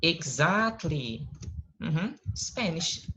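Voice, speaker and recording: Slow, patient Brazilian English teacher. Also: mid-range voice, lively intonation, pushed and bright. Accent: Brazilian Portuguese. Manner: patient, explains step by step, often adds tag questions. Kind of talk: online English lesson. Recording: lo-fi call audio with faint noise.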